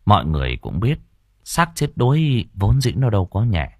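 A man narrating an audio novel with expressive storytelling. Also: on the low side, normal speed, breathy edge, no room sound, clean studio sound.

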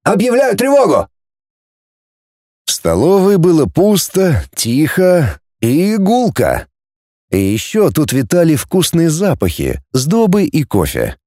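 Dark-voiced male audiobook narrator. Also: fairly high pitch, takes it slowly, dry recording, studio quality. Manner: expressive storytelling.

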